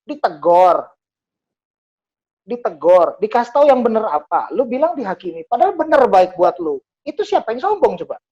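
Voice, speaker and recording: Woman preacher, animated, higher voice, slightly dull lo-fi recording. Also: moderate pace. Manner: animated, switching between Indonesian and English. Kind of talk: sermon.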